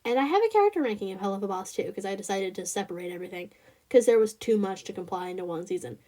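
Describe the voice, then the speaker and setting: A woman's voice: mid-range voice, lively intonation, rapid-fire, mellow. A woman with a Southern US accent hosting a casual review vlog, rambling with lots of fillers and restarts and talking straight to her viewers. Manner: chatty, addresses viewers directly. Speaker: channel host.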